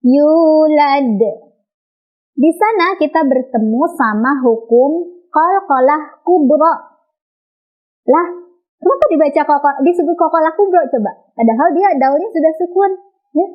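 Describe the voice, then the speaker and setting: A high-pitched woman with an Indonesian accent gives a children's lesson, patiently repeating and modeling each sound. The recording is dull and lo-fi. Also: expressive, moderate pace. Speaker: Quran recitation teacher.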